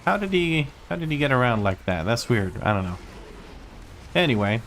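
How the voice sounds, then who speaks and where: A man's voice: mid-range voice, sing-song, normal speed, a bit bright, a little hiss or hum. A man from Croatia with a Croatian accent, casually commenting on his own gameplay on stream, chatty and self-mocking, swearing now and then.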